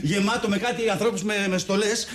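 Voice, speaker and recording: An actor playing a chatty, animated man in a television drama. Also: high-pitched, echoey room.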